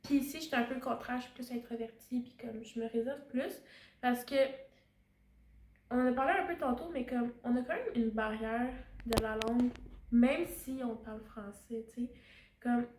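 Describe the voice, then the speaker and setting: A woman's voice: on the high side, moderate pace, a little mellow, slight background noise. Roomy-sounding young Québécois woman. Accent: Québécois French. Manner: hesitant, searching for words, many fillers. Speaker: student teacher. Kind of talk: casual reflective chat. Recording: roomy echo.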